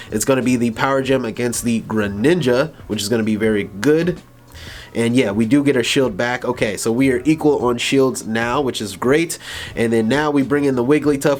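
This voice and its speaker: A young man talks through a video game battle in a relaxed, rambling way, with fillers and short laughs. His voice sits at an ordinary middle pitch for a man. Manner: rambling, laid-back, laughs and stumbles over words. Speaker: gaming YouTuber. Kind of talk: casual gameplay commentary.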